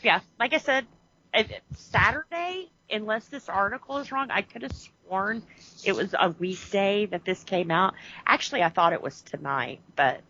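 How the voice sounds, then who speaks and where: With highs cut off in the recording, a woman's medium-pitched, bright, forceful voice comes through. Co-hosting a podcast, she chats casually, rambling, correcting herself as she goes, and laughing often.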